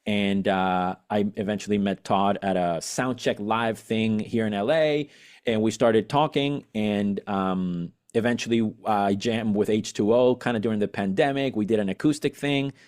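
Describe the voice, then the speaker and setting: A man's voice: on the low side, steady tone, moderate pace, a little mellow. A man from Venezuela, a musician guest on a podcast, chatting eagerly and rambling with many fillers and restarts. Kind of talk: casual interview chat.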